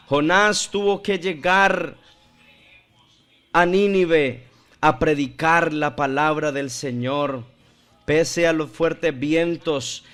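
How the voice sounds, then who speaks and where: A male preacher delivering a sermon with a somewhat high voice. He speaks at an unhurried pace, leaning on key words and drawing them out for emphasis. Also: clean tone. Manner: slow, deliberate preaching with drawn-out emphasis.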